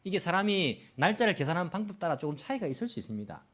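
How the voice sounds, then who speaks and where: A male pastor delivers a Sunday sermon in a church. His voice sits a little higher than most men's and swings widely in pitch. He keeps asking his listeners questions and acts out the lines he quotes. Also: big pitch swings, racing, fairly bright tone. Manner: asks the congregation frequent questions. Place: church in Tokyo.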